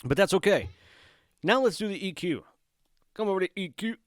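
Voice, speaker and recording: A man's voice: high voice, animated, moderate pace, no echo. A man hosting a guitar lesson, talking casually and thinking aloud as he adjusts settings, joking at his own playing. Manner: self-deprecating, thinks aloud while tweaking settings. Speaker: guitar tutorial host. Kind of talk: casual hands-on demo talk.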